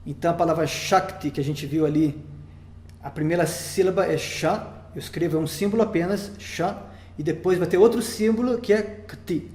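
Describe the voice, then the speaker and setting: A Brazilian man with a high voice teaches a lesson patiently, one step at a time, pausing to check that his listeners follow. The recording is roomy, with a clear echo around his voice. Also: a little mellow. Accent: Brazilian Portuguese. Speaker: Sanskrit teacher.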